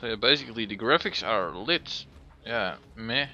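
A man's voice: fairly low pitch, animated, moderate pace, sharp tone. A man giving casual gameplay commentary as the host, plain-spoken and given to mild swearing. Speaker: gaming host. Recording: dull, band-limited mic over music.

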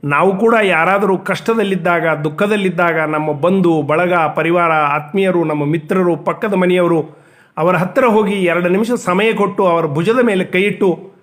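High-voiced man telling a devotional story. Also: moderate pace, fairly bright tone. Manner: storytelling, acts out the characters' speech; lists things in short bursts. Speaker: religious speaker.

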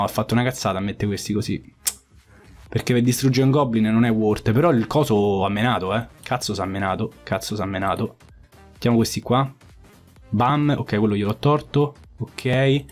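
A man commenting on his own mobile game match, swearing often and repeating phrases in frustration. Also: medium pitch. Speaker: gaming YouTuber. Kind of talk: live gameplay commentary.

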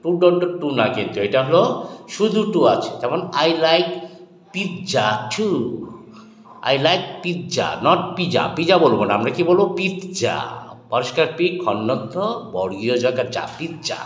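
A man teaching English grammar in a lesson, asking and answering his own questions and repeating example words slowly. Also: on the high side, very animated. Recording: echoey room with long reverb.

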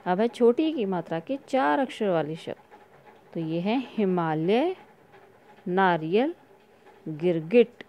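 Slow, mellow-voiced primary teacher woman. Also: mid-range voice, expressive. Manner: slow, clear word-by-word reading for young children. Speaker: school teacher. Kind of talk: recorded online class lesson.

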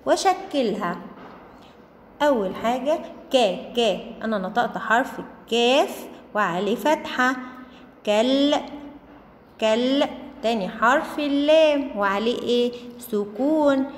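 Egyptian teacher lady drawing out syllables for little kids, echoey room, faint hum behind. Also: on the high side. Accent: Egyptian Arabic. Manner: slow drawn-out syllables, asks and answers herself. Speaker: primary school Arabic teacher. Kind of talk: children's reading lesson.

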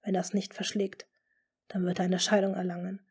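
A woman voicing a scheming noble duke in an audiobook, speaking smoothly and often in a hushed, half-whispered tone. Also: fairly low pitch, level tone. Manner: smooth, measured. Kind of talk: audiobook character reading.

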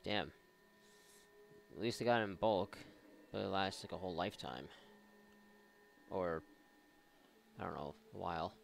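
The gaming video host pauses often, speaking in a low, creaky voice at a measured pace. His let's play commentary is casual, sarcastic and frequently profane, with a little hiss or hum in the recording.

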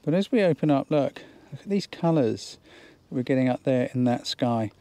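A medium-pitched man with a dark tone speaks at a normal speed, his intonation lively and the sound free of echo. As a photography tutor making an instructional outdoor vlog, he gives a chatty, enthusiastic lesson on a countryside hillside and thinks aloud as he works.

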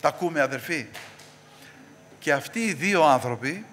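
Male preacher, bright forceful tone, slightly high voice, long church reverb, faint hiss, call-and-response sermon delivery. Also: lively intonation. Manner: rising to emphatic call-and-response questions, then dropping low.

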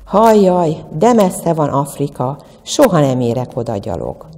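A woman's voice: low voice, big pitch swings, long reverb tail. A woman voicing a round, chubby creature on a diet who sighs and then perks up eagerly. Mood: eager musing. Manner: sighing, then brightening eagerly. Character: round, chubby dieting creature, cheerful but sighing.

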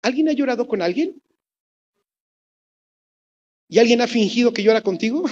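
Animated Mexican woman preacher. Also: fairly high pitch, normal speed, highs cut off. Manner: animated storytelling, asks the congregation questions. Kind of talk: sermon.

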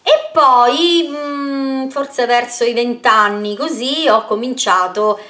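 A woman's voice: on the high side, slow pace, pushed and bright. A woman beauty vlogger answering viewer questions in a casual Q&A video, chatty and rambling, sending kisses and pet names to her followers. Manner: rambling with frequent fillers and self-corrections.

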